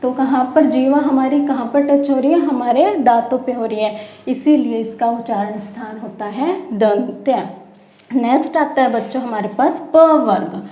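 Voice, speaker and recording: High-voiced woman teaching a grammar lesson. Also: moderate pace, dark tone. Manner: asks the class questions and answers them herself, repeating key terms. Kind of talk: Hindi grammar lesson for schoolchildren. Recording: roomy, dull lo-fi classroom recording.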